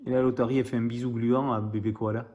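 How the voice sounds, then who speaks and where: A man with a mid-range voice reads a picture book to young children at a quick pace, animatedly addressing them and then quizzing them. The recording is muffled and sounds like a roomy, echoey space.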